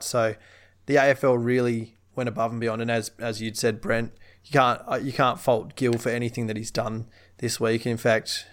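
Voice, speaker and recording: An Australian man talking casually about sport as a podcast host. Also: mid-range voice.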